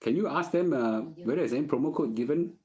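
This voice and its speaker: Fast and fairly high-pitched, this middle-aged man's voice carries a slight mellowness. He hosts personal finance advice with a Singaporean accent, chatting casually in Singlish and frequently asking "okay?" as he answers questions.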